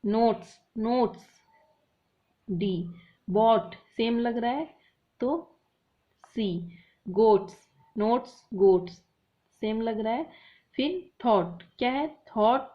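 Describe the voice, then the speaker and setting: A woman teaching an English literature class, calling out rhyme words loudly and slowly, then chiding her students for not sending notes or feedback. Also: a little high, highs cut off. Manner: drills words with stretched, emphatic calls; scolding students for not replying. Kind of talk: online class lecture.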